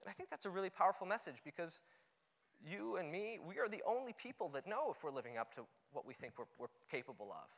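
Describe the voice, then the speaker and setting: A man's voice: high voice, sing-song, fast, vocal fry, a bit bright. A young man giving an earnest, conversational talk on stage, with frequent "you know" fillers. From Canada. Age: young adult. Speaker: conference speaker. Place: auditorium stage. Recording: long hall reverb.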